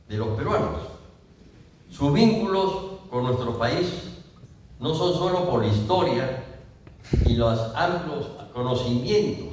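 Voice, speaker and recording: An older Peruvian man delivers a formal tribute at a ceremony, speaking slowly and deliberately and pausing to correct himself. His voice rings through a large, echoing auditorium, caught by a microphone some distance away. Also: mid-range voice, a little mellow, a little hiss or hum. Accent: Peruvian Spanish. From Peru. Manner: measured, with self-corrections and asides. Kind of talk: formal laudatory speech. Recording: distant mic in a reverberant hall.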